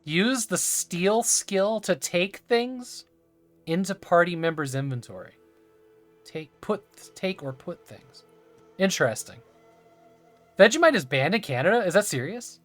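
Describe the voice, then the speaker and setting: A man's voice: sits high, very animated, unhurried, fairly bright tone, no room sound, faint music behind. A man streaming a game, chatting casually and enthusiastically with laughing asides. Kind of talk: casual live-stream chat while playing.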